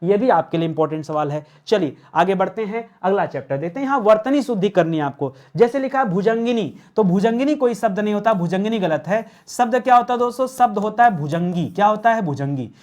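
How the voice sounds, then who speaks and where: A man's voice: sits high, animated, fast, few pauses, a little mellow. A man teaching an online grammar class. He asks his viewers questions, answers them himself and repeats the key words.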